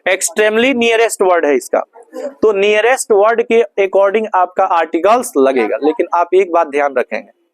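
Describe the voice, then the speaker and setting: High-voiced male teacher. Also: dry recording. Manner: keeps quizzing listeners with repeated questions; slow, stressed repetition of key words. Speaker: English grammar teacher. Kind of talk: classroom grammar lesson.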